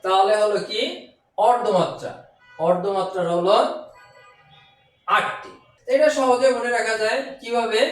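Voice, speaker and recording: A man with a high voice teaches a grammar lesson in a very echoey room. He sits some way back from the mic. He goes step by step, repeats each point and keeps asking the listener questions. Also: unhurried, pauses often, far from the mic, faint music behind. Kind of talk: classroom-style grammar lesson.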